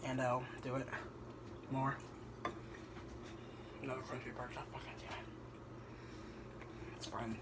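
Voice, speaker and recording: A young man rambles through a casual home cooking vlog, hesitating often with ums. He speaks at an ordinary middle pitch. He is picked up by a camera sitting on the kitchen counter, with clear background noise in the recording. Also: level tone, takes it slowly, long pauses. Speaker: vlogger. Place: home kitchen at night, indoors.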